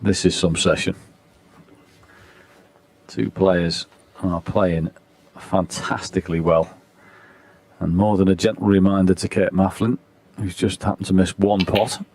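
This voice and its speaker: A man commentates on snooker in a low, hushed voice with a gravelly creak. He speaks in measured, understated short phrases, very close and dry. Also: level tone, no room sound.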